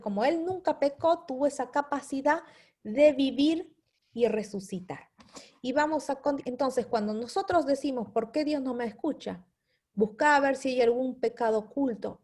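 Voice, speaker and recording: Woman, Bible teacher, patient step-by-step explaining, fairly high-pitched voice. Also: warm tone, breathy edge. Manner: explains slowly, checks in with listeners with repeated "¿sí?". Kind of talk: Bible study lesson.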